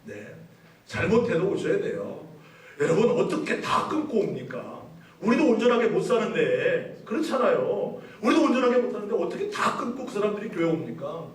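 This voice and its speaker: A man delivers a sermon as a pastor, often asking his congregation questions and pressing his points with emphasis. His voice sits a little high. He is picked up from a distance in a very echoey church hall. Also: sing-song, moderate pace. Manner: preaching with questions to the congregation, rising emphatic passages. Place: church sanctuary.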